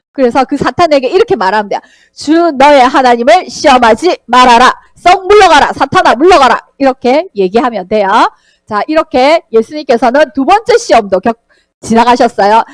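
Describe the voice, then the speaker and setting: A woman leads a Sunday school Bible lesson and keeps turning questions to the children. Her voice is high and lively, rising and falling widely. The recording is dry and close. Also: no echo. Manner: animated, questioning children by name.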